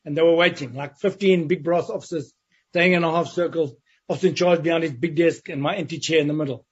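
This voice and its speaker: A man with a fairly high, slightly rough voice speaks fast and with fairly even intonation. Appearing as an interview guest, he vividly recounts his time in prison, acting out other people's voices as he tells it. The recording has a dull, lo-fi sound.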